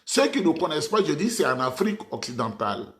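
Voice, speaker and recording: A man's voice: on the high side, sing-song, quick pace. A man from Ivory Coast, giving impassioned political commentary and addressing his audience formally, repeating phrases for emphasis.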